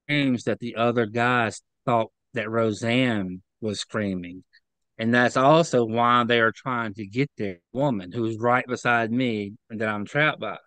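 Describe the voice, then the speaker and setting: Speaking as an interview guest over video, a man testifies earnestly while faltering and repeating words when upset. His medium-pitched voice is fairly bright, clear and resonant, free of room sound, yet the recording is rough.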